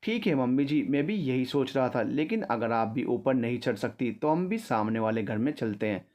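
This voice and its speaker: A man voicing an anxious young husband who is about to become a father, firing off eager questions in quick bursts. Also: medium pitch, expressive, darkish tone, highs cut off, close to an everyday voice. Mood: excited worried.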